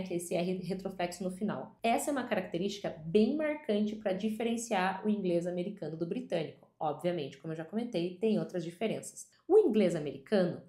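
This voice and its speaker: A woman with a Brazilian Portuguese accent explains a language point in a video lesson, speaking patiently and clearly and drawing out example words slowly. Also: medium pitch, a little mellow. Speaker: English teacher. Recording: roomy echo.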